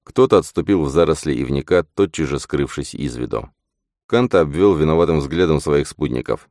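A man reading a fantasy audiobook as narrator in steady scripted narration. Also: a bass voice, a little fast, no echo, studio quality.

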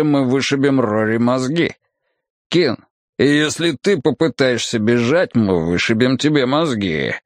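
A man reading an audiobook, voicing a calm, sneering male henchman who delivers threats slowly and matter-of-factly. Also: mid-range voice, dry recording, studio quality. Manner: slow, mocking, matter-of-fact threats.

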